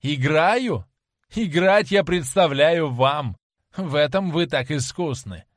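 A man voicing a proud young man who turns cruel in anger, with loud, bitter, accusing outbursts in an audiobook reading. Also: fairly high pitch, animated, slow pace, dry recording, studio quality, voice pushed up. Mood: venomous.

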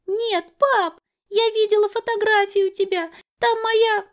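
Little girl, tearful and stubborn, high whiny pleading voice, done by a woman reader. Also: fairly even intonation, unhurried. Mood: insistent. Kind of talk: audiobook character voice.

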